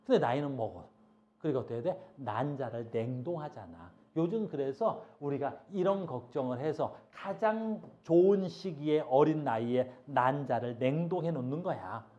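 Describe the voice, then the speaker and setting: A middle-aged male teacher giving a classroom lecture, chatty and lively, often stopping to ask the class if they understand and scolding students in passing. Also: mid-range voice, normal speed. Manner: keeps asking "알겠니?" to check understanding. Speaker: high school biology teacher. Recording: dull lo-fi classroom recording.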